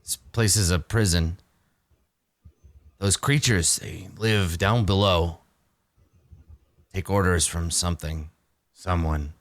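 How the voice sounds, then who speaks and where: Man as a tabletop game hobgoblin, low pitch, sullen, proud, terse, slow grim delivery. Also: fairly even intonation, no echo. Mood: sullen, wary.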